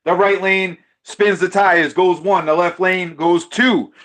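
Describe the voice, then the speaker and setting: A man with a notably high voice calls a race live, excited and repeating his calls, tripping over names now and then. His voice is starting to wear out. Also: takes it slowly. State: losing his voice. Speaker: race commentator. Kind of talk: live play-by-play commentary on a diecast car race.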